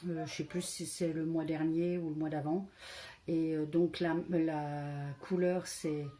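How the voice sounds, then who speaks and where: A woman with a low, mellow voice and a regional French accent shows her handmade cards, casual and unhurried. She hesitates a lot and loses her thread now and then. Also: little pitch movement. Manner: hesitant, many fillers, loses track. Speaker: crafting vlogger. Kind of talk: casual craft show-and-tell.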